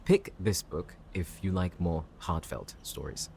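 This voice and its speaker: A man performs a bookish professor in an audio roleplay with a low voice. He is polite, composed and formal, addressing the listener considerately. Faint ambient noise sits behind him. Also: unhurried, creaky, a little mellow. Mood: courteous, helpful. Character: courteous, bookish male professor, calm and considerate.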